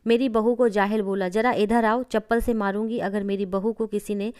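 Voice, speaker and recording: A woman voicing a sharp-tongued elderly mother-in-law who scolds and shouts. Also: medium pitch, steady tone, moderate pace, smooth, natural voice. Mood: furious.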